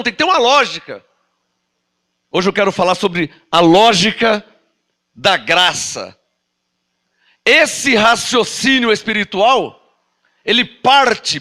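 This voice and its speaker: Animated high-voiced Brazilian preacher man. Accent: Brazilian Portuguese. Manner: animated, rhetorical questions, acts out skeptics. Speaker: apostle preaching. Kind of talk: sermon.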